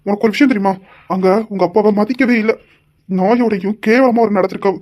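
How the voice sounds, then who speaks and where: In this audio drama, a man plays a devoted young husband who talks quickly in a mellow, mid-pitched voice. He is gently reproachful and explains things at length. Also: lightly acted. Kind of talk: hobby audio drama acting.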